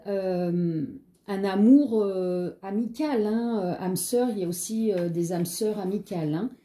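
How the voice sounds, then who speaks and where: A woman's voice: mid-range voice, dark tone. A French-accented woman giving a casual tarot reading, hesitant with many fillers and chatty asides, a slight frog in her throat. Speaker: tarot card reader.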